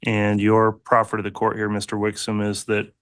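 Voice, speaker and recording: A man's voice: on the low side, monotone, normal speed, a bit bright, clear, resonant tone, dry recording, studio quality. A man presiding as judge, speaking formally and steadily on a courtroom recording. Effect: courtroom audio feed. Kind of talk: courtroom proceedings.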